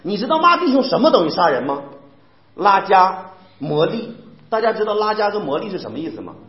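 A man's voice: high-pitched, big pitch swings, brisk. A male preacher from Northeast China with a Northeastern Mandarin accent, preaching emphatically and firing rhetorical questions at the congregation. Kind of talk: sermon. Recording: echoey, dull lo-fi sound.

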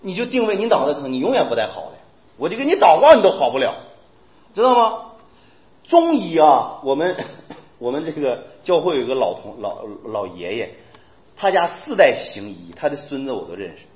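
High-voiced, animated preaching man. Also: fairly quick. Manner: animated, keeps asking listeners "you know?". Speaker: pastor. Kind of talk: lively sermon. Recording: echoey, dull lo-fi room recording.

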